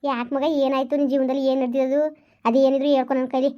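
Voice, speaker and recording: A woman's voice: high voice, little pitch movement, racing, voice pushed down, lightly acted. A woman voicing an older village landlady who scolds and consoles a young tenant in rural dialect. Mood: scolding, motherly. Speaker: house owner. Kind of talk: village family drama. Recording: dull, lo-fi recording.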